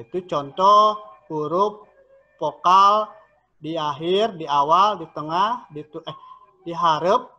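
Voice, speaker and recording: Slow, bright-voiced male teacher. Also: high-pitched, highs cut off. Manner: slow, drawn-out modelling of each syllable. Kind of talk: classroom lesson explanation.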